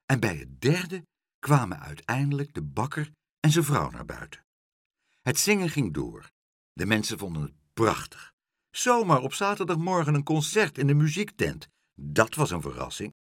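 Husky Dutch storybook reader, very animated. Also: male voice, mid-range voice, moderate pace, dry recording, studio quality. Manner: animated, lots of character voices. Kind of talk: reading a children's book aloud.

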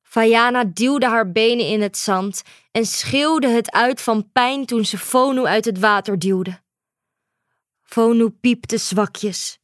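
A woman reading a children's storybook aloud at an unhurried, careful pace. Her voice sits fairly high, and the sound is close and dry with no room around it. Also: dry recording. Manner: calm, measured storytelling. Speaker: narrator.

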